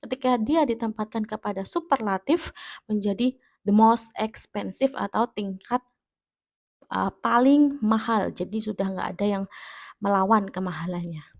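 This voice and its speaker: A woman's voice: mid-range voice, moderate pace, gravelly. A woman teacher with an Indonesian accent giving a grammar lesson, explaining step by step and checking that students understand. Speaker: English teacher. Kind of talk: classroom-style grammar lesson.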